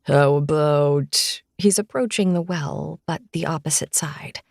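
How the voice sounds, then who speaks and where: A woman narrating a first-person romance audiobook in a playful, expressive way. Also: on the low side, moderate pace, vocal fry, slightly rough, dry recording, clean studio sound.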